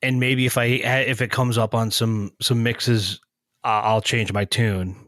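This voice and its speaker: A man's voice: mid-range voice, flat delivery, a little slow, fairly bright tone, no room sound, clean studio sound. A man co-hosting a music podcast, talking casually and reviewing chart songs with wry, sarcastic asides.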